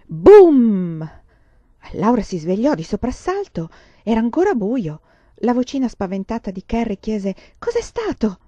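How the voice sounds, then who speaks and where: A woman reading a children's novel aloud in a measured storytelling voice, close to the mic. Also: fairly high pitch, animated, no room sound. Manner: measured reading, slowing on narration, brighter for children's lines. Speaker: reader.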